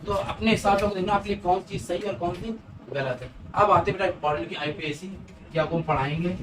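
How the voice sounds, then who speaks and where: A man's voice: sits high, fairly quick. A male teacher gives exam-prep advice to students in a coaxing, repetitive way. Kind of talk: exam-prep class lecture. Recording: noisy room, voice from a distance.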